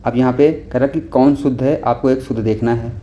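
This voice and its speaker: Walking his class through exam answers one by one, a male tutor stays patient, repeating points and often asking "okay?" He has a medium-pitched, dark voice with fairly even intonation and a fairly quick pace. Faint noise sits under a dull, lo-fi recording.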